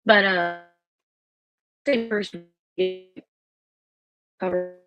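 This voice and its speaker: A woman's voice: fairly low pitch, fairly even intonation, extremely slow. Woman on a breaking-up call line. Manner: chatty, storytelling, filler-heavy. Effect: bad connection, voice breaking up. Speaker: singer-songwriter guest. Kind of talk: casual interview over a video call. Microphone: remote call microphone. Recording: muffled dry video-call audio.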